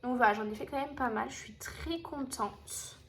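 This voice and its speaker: A woman's voice: sits high, normal speed, fairly bright tone, slight background noise. A woman chatting casually to camera about her finished coloring pages, with many fillers and restarts. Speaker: coloring hobby vlogger.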